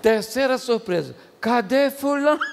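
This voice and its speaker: A Brazilian man preaching a sermon as pastor, animated and joking, shouting out the lines he acts out. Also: very high voice, normal speed, gravelly, noisy background. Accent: Brazilian Portuguese. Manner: animated, jokey, shouts acted-out quotes. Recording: reverberant hall, faint ambience.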